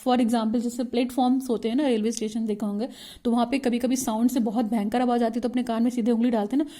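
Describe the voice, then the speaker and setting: Woman teacher, fairly high and mellow voice, steady online lecture with frequent check-ins. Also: quick pace.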